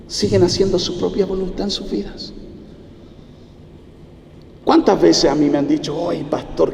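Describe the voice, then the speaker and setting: A Chilean man preaching a sermon as pastor, with dramatic pauses and acted-out quotes. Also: a little high, gravelly, a little mellow, a little hiss or hum. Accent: Chilean Spanish. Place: church hall. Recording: echoey church hall.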